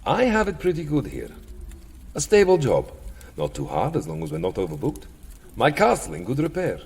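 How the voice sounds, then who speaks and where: An actor playing a weary, settled vampire count in a comic audio drama, theatrical and wry, by turns boastful, petulant and self-deprecating. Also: male voice, medium pitch, wildly swooping pitch, moderate pace, darkish tone, husky, exaggerated voice. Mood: reluctant, reflective.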